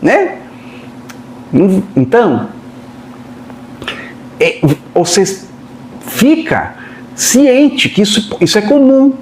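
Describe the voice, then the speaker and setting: Brazilian guy channeling a spirit teacher, high voice, chatty, says né a lot, echoey room. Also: big pitch swings, drawn-out words, long pauses, slight background noise. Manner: colloquial and chatty, tags lines with "né?"; acts out other people's voices in quotes. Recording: roomy echo.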